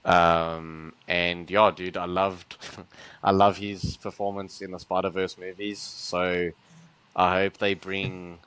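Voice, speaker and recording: Deep-voiced man chatting eagerly on a podcast. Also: little pitch movement, takes it slowly, a bit bright, clean tone, no room sound, poor audio. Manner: earnest and enthusiastic, many fillers. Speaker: podcast co-host. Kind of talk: casual podcast chat.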